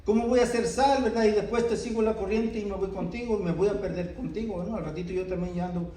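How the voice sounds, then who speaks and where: Middle-aged male pastor, high voice, earnest sermon, keeps checking in with the congregation, distant from the mic. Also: quick pace, mellow. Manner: earnest, many rhetorical "¿verdad?" asides. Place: church. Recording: echoey church hall, voice from off-mic.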